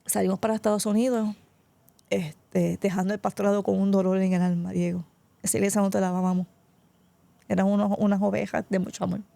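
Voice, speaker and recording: A middle-aged woman tells her life testimony as a guest, heartfelt and close to tears. Her voice is deeply gravelly and mellow. The recording is dry and close. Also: flat delivery, fairly quick, dry recording. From Puerto Rico. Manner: tearful, heartfelt storytelling, often addressing the host by name. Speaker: pastor, interview guest. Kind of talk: emotional personal testimony.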